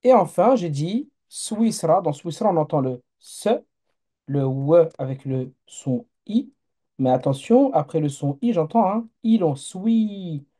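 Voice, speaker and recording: A man's voice: on the high side, lively intonation, measured pace, warm tone. A man teaching Arabic letters in a live online class, explaining step by step and checking in with his learners.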